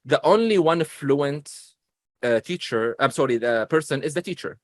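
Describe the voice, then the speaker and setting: A man's voice: on the high side, lively intonation, normal speed, dry recording. A man with a non-native English accent, a chatty, self-deprecating guest telling stories in a casual interview.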